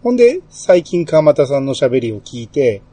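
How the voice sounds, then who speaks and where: A man's voice: medium pitch, normal speed, breathy edge. Chatty man with a Kansai accent. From Kansai, Japan. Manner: relaxed, chatty, many fillers and small laughs. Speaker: podcast host. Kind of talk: casual podcast chat.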